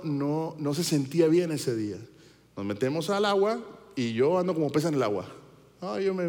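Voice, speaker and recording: A man's voice: fairly high pitch, a little mellow. A man preaching a conversational sermon, asking his congregation questions. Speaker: pastor. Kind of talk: sermon with stories and audience questions. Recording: long hall reverb.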